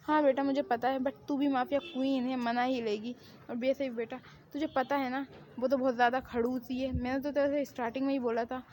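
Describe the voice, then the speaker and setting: A woman's voice: high-pitched, flat delivery, fairly quick, a little mellow, close to an everyday voice. A woman voicing a fussing, affectionate middle-aged mother-in-law in a homemade fan drama. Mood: doting.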